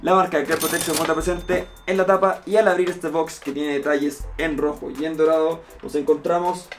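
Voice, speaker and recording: A man's voice: on the high side, little pitch movement, brisk, soft background music. A young man from Chile, an upbeat, enthusiastic streetwear vlogger who talks in slang while unboxing his purchases at a table in a small room. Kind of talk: casual unboxing vlog.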